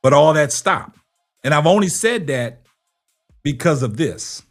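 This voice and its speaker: A man's voice: on the high side, expressive, unhurried, faint music behind. A man hosting a sports talk show, emphatic and argumentative, firing rhetorical questions and checking in with short tags. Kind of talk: sports commentary and debate with a caller.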